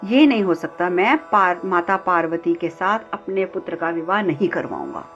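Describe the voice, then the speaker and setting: A woman's voice: on the low side, very animated, moderate pace, a bit bright, faint music behind. A male serpent king, torn and penitent, argues with himself in a brooding voice, as a woman storyteller acts him out. The sound is slightly dull. A faint sitar plays behind. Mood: remorseful. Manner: brooding, repeating himself in inner struggle.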